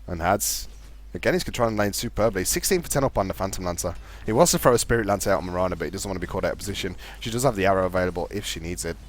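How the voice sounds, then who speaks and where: A man casting a live video game match, fast play-by-play with a fairly steady delivery. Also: low voice, slight background noise. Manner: fast, chatty play-by-play talking to co-caster; calls his own voice monotone. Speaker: esports caster.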